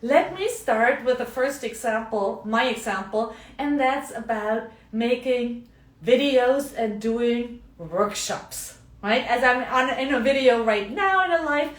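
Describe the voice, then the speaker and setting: A middle-aged German coach with a German accent chats on a live video in a slightly high voice at a slow pace, frequently adding "yeah?" and "right?". The sound is roomy, with the mic at a distance.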